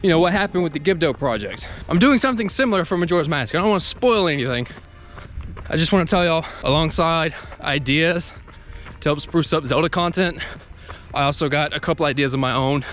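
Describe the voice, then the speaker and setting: A higher-pitched man vlogs about his channel while jogging, sounding expressive, brisk, and a bit bright. Working up a sweat, he talks with effort in a casual, unscripted monologue over background music.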